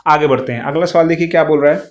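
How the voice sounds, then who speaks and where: A man teaching an exam-prep lesson, walking through quiz answers and repeatedly putting questions to his students. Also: a little high. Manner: fast, repetitive, keeps asking the class questions.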